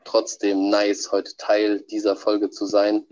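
A man with a cold and a nasal voice, heard as a low-quality audio file played back on a podcast, delivering a prepared message. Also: monotone, slow, darkish tone. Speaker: podcast regular sending a birthday message. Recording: dull lo-fi playback.

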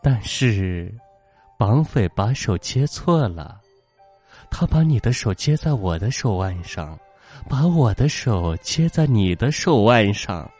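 A man voicing an unsettling young wife in a horror story, sweet and tender in manner but turning shrill. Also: big pitch swings, takes it slowly, darkish tone, soft background music, exaggerated voice. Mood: eerily sweet.

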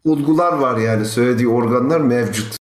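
A man's voice: medium pitch, fast. A man in a casual podcast chat who argues his point and explains at length. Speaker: podcast co-host. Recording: roomy with faint noise.

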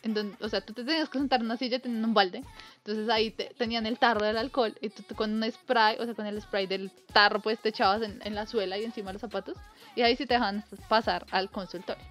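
A woman's voice: fairly high pitch, steady tone, quick pace, fairly bright tone, faint music behind. A young woman telling a casual anecdote, acting out the voices she quotes and laughing often. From Colombia. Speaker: storyteller.

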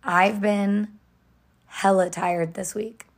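A young woman co-hosting a podcast in casual chat, loud and chatty, her voice slightly hoarse from tiredness. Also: mid-range voice, fairly even intonation, slow pace. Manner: loud, chatty, lots of fillers. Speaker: podcast co-host.

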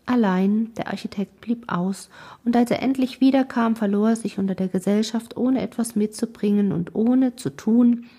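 A woman narrating a classic novel aloud in a soft, breathy, partly whispered delivery. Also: fairly high pitch, moderate pace. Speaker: audiobook narrator.

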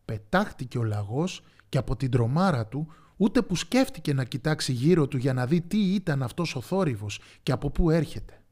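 Brief: man narrating a kids' fable, lively, sing-song delivery. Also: mid-range voice. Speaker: storyteller. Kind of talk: children's story narration.

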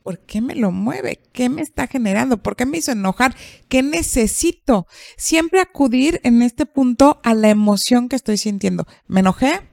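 A woman psychologist, calmly explaining and asking rhetorical questions in a podcast conversation. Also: on the high side, normal speed, creaky, no room sound, studio quality. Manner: calm, explanatory, asks herself rhetorical questions.

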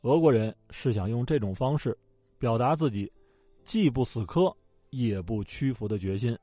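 A man's voice: medium pitch, expressive, moderate pace, warm tone, no room sound. A man telling history in a casual, joking storytelling way, with colloquial asides. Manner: colloquial and joking, with acted quotes. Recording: dry close mic with faint background music.

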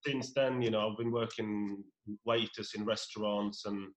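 A man in his forties from Norway, a native Norwegian speaker, talking as a pub-owner guest in a casual interview, halting and often repeating his words. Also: lowish voice, fairly even intonation, low-quality recording.

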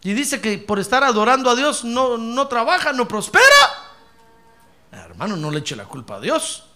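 A man preaching a sermon as a pastor, folksy and animated, leading his congregation in call-and-response and acting out conversations. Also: very high voice, moderate pace, very noisy.

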